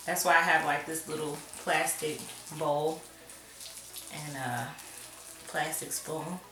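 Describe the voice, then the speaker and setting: A woman's voice: sits low, sharp tone, distant mic. A pregnant woman chatting casually through a home hair tutorial, a little out of breath and poking fun at herself. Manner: chatty, self-mocking, drawn-out phrases. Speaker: hair vlogger. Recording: echoey room, voice off-mic, faint music.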